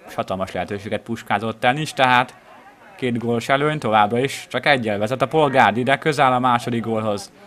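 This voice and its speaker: A man giving live football match commentary, measured in his delivery and rising with excitement at chances. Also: mid-range voice.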